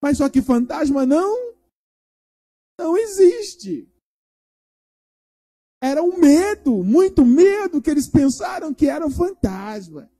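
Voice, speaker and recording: A man's voice: extremely high pitch, takes it slowly, pauses often. A male pastor giving a children's sermon in a church, retelling a story and asking the children questions as he goes. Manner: animated, asks the children questions.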